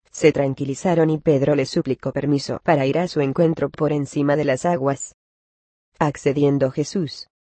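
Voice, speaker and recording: Reading religious commentary aloud, a man keeps an even, measured rhythm. His warm, mellow mid-pitched voice barely varies, and the sound is close and dry with no echo.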